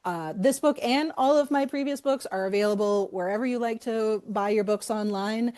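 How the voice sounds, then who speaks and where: A woman's voice: a little high, normal speed, darkish tone. A woman with a Boston accent, an author talking earnestly and emphatically as a guest in an interview. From Boston area. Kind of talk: casual interview talk.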